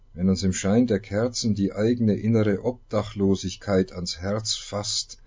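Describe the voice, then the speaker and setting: A man preaching a sermon, opening with a dramatic reading full of long pauses. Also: on the low side, mellow, husky, lo-fi sound. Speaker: pastor.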